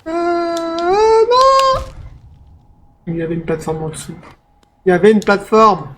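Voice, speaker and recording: A man giving let's play commentary, excitable, yelping and talking back to the game as he plays. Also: a little high, fast talker, heavy background noise. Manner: excitable, yelps and talks to the game. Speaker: gaming streamer.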